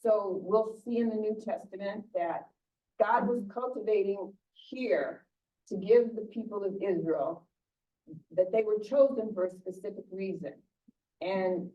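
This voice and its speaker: A woman's voice: mid-range voice, unhurried, warm tone. Older woman pastor, distant and muffled. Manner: conversational, many restarts and repeated words. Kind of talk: informal sermon talk. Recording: distant muffled church recording.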